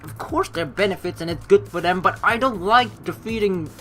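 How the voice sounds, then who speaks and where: A fairly quick, high-sitting, slightly bright voice belongs to a let's play streamer. He rambles casually and emphatically, swears from time to time and reads game text aloud, with game music in the background.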